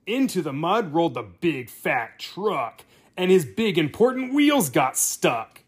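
A reader reading a children's picture book aloud with gentle, expressive storytelling. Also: mid-range voice, measured pace, husky.

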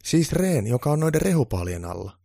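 A man voicing a young female Christmas elf who eagerly explains things in a high voice. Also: very animated, gravelly, dark tone, no echo, studio quality, exaggerated voice. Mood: explaining.

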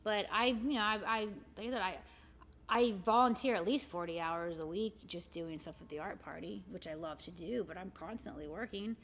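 A woman's voice: mid-range voice, fairly quick, fairly bright tone. A woman in her forties, a shop owner and arts volunteer, chatting casually as a guest and rambling with many "you know" fillers. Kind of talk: casual conversation.

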